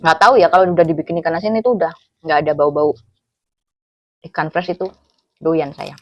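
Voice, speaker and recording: Low-pitched Javanese-accented woman, talking with mouth full. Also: a little fast, dull audio. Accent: Javanese from Cilacap. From Cilacap, Central Java, Indonesia. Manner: talks with mouth full while eating, with savouring hums. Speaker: food vlogger. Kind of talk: casual eating chat, mukbang.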